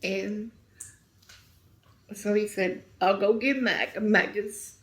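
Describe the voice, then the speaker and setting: A middle-aged woman telling a painful story as an interview guest, speaking softly and sometimes near a whisper. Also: medium pitch, fairly even intonation, slow. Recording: roomy echo.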